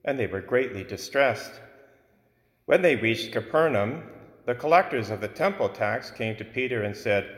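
A man, a priest, reading the gospel and preaching a homily in a measured, explanatory way, his voice ringing with cathedral echo. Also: mid-range voice, expressive. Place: large church. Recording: echoey church with long reverb.

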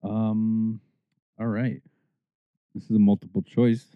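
Laid-back podcast co-host, man in his 30s, lowish voice, thin phone-like audio. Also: little pitch movement, slow pace, smooth, no room sound. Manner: easygoing, agreeable, reads trivia questions. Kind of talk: casual nostalgic chat. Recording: dry, tinny phone-like sound.

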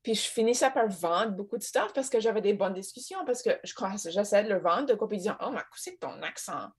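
Young Acadian woman, animated guest storyteller, code-switches freely. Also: mid-range voice, fast talker, breathy edge. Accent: Acadian French. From Acadia, Nova Scotia. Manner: animated storytelling, mixing in English words. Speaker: podcast guest. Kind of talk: casual chat.

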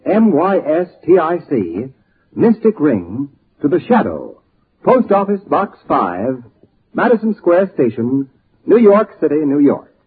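A man's voice: fairly high pitch, very animated, a little slow, breathy edge. An American man announcing in the dramatic, formal, scripted style of 1940s radio. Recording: muffled old radio recording, faint music behind.

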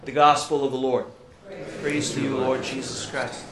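Priest preaching in cathedral echo. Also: male voice, mid-range voice, little pitch movement, noisy background. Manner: gentle and reflective, with halting fillers in his own words. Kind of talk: Gospel reading and homily at Mass. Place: church during Mass. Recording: echoey church room.

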